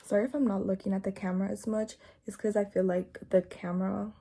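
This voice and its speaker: Young woman, hushed casual makeup chat, husky morning voice, low gravelly fry, recorded on a phone. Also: little pitch movement, quick pace. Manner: soft, hushed talk, sometimes slipping into a whisper. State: groggy morning voice. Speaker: beauty vlogger. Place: home, indoors. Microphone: phone front camera.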